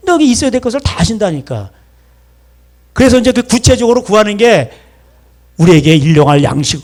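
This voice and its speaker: A middle-aged man preaching a sermon as pastor, animated, firing rhetorical questions at the congregation and acting out voices. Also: on the high side.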